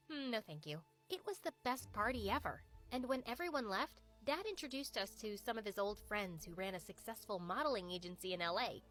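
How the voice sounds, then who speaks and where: A young woman narrating a scripted first-person story in an animated, gossipy tone. Her voice sits fairly high and leaps around expressively. Soft music plays faintly behind her.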